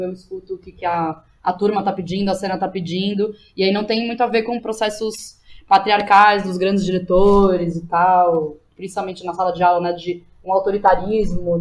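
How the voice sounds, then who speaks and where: A Brazilian-accented woman in her thirties, a theatre teacher and playwright, speaks casually and candidly as a podcast guest, often adding little tag questions. Her voice is on the low side, and the rough recording has clear background noise behind her.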